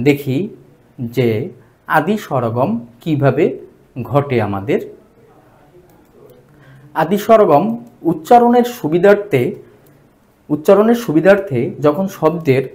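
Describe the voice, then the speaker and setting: A man with a Bangladeshi Bengali accent teaching a grammar lesson for exam preparation, repeating each term slowly for emphasis. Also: a little high, darkish tone.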